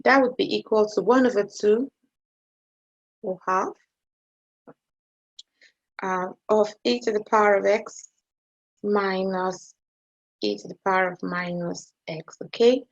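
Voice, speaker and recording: A woman's voice: mid-range voice, steady tone, takes it slowly, long pauses, lo-fi sound. A woman maths teacher giving an online lesson, talking hesitantly and often checking in with her students.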